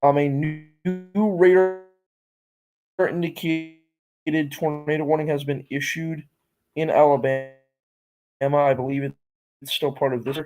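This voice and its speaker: A man's voice: on the high side, steady tone, slow pace, long pauses, music in the background, poor audio. A man giving unscripted live storm-tracking commentary as a stream host, instructive and often repeating himself. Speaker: livestream weather host.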